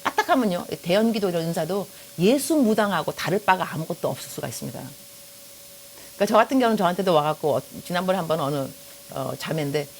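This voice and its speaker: A woman's voice: lowish voice, fast, a little hiss or hum. A middle-aged woman from Korea preaching a sermon as a pastor, telling stories with jokes and speaking straight to the congregation. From South Korea. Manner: lively storytelling, joking, addresses the audience directly.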